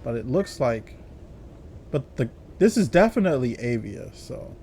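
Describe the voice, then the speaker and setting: A man's voice: medium pitch, big pitch swings, a little slow, warm tone, a little hiss or hum. A man hosting a let's play, reading game dialogue aloud and reacting in a casual way with mild swearing. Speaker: gaming channel host.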